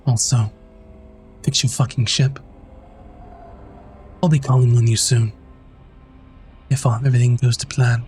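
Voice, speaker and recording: A man's voice: medium pitch, little pitch movement, measured pace, long pauses, darkish tone, faint music behind, lightly acted. A man voicing a curt, foul-mouthed female ship captain who gives clipped orders. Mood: commanding.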